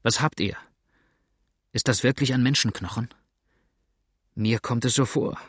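A man's voice: medium pitch, slightly rough, dry recording, studio quality. A man doing a musing old frontiersman. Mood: alarmed. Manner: slow, musing. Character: thoughtful old frontiersman, calm and curious.

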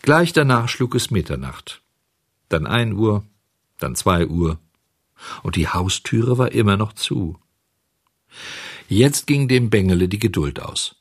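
A man narrating a children's story in an expressive, lively reading style. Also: on the low side, slow pace, pauses often, slightly rough, no echo, studio quality. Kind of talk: audiobook storytelling.

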